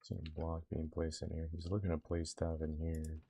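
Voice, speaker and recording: A young man live-streams a game, chatting in a laid-back, slangy way to his viewers and to himself. His bass voice is completely flat, with vocal fry, a dark tone and a breathy edge, at a normal speed with no echo.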